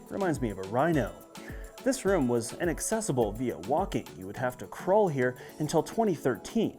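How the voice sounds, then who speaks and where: A man's voice: medium pitch, darkish tone. A man working as a cave tour guide, narrating a guided tour on location and explaining the sights as he moves along. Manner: explanatory, presenting sights on the move. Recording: music behind the voice.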